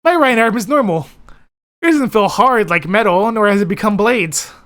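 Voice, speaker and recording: A woman's voice: medium pitch, animated, moderate pace, fairly bright tone. A woman reading first-person visual novel narration expressively as narrator of a playthrough. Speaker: narrator and editor of a playthrough series.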